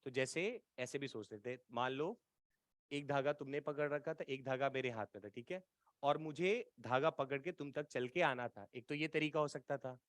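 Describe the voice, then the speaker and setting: A man's voice: mid-range voice, moderate pace, no room sound. A man teaching an exam-prep physics lecture, coaxing and colloquial, often checking whether students follow. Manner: colloquial, playful teasing tone.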